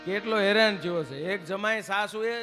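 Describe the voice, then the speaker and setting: A man telling folk stories and jokes to a live crowd, dropping to hushed asides and then rising into loud, stretched declamation. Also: high-pitched, moderate pace, music in the background. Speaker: folk stage storyteller. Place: stage at a live temple event. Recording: echoey hall with instruments behind.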